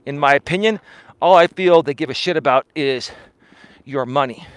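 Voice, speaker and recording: A man on a walk outside rants bluntly to his live-stream viewers at normal speed, his fairly high voice smooth as he argues and keeps hedging with "in my opinion." The mobile-mic recording is close and dry, free of room echo.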